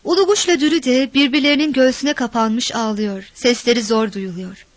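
A woman reading a village story aloud in a measured, expressive narration. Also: a little high, dry recording.

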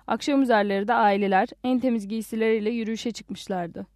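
A woman reading a literary audiobook aloud, in a calm and reflective first-person narration. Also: on the high side, no echo, clean studio sound.

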